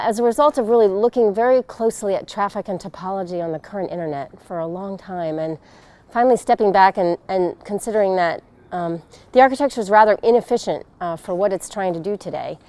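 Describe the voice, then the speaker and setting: A woman's voice: mid-range voice, fairly quick, a little mellow. A middle-aged woman interviewed outdoors on a lapel mic, explaining a technical subject thoughtfully and with emphasis. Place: outdoors in a leafy garden.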